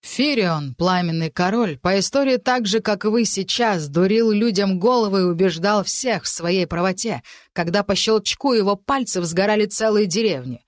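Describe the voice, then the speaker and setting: A woman's voice: mid-range voice, normal speed, dry recording, studio quality, natural voice. A woman reading an audiobook, voicing a fierce young heroine who answers back in breathless outrage. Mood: defiant.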